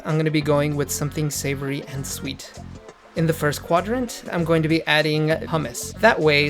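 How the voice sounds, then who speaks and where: Gravelly young man explaining a recipe. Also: a little high. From Mexico. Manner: relaxed step-by-step explaining, friendly asides. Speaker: cooking channel host. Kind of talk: casual cooking vlog. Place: home kitchen.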